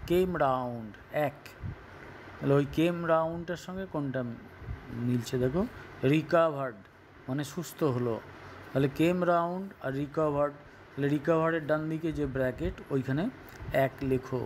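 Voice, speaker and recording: A man's voice: fairly high pitch, moderate pace, a little mellow, a little hiss or hum. A man teaching an online school English class with a Bengali accent, explaining word meanings step by step in English and Bengali. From West Bengal, India. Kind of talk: recorded online class lesson.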